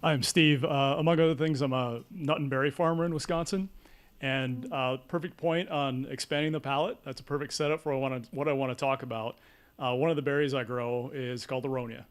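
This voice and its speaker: A man's voice: medium pitch, fairly even intonation, brisk, clean tone. Enthusiastic man speaking from the audience. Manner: enthusiastic, direct. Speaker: farmer. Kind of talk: audience comment at a conference.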